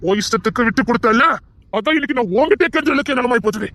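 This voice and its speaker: Brief: man as hot-tempered husband, quick threatening delivery, audio drama. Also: very high voice, a bit bright, slight background noise. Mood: insistent. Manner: rapid, insistent, threatening outbursts. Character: angry, pleading young husband. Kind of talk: Tamil audio drama acting.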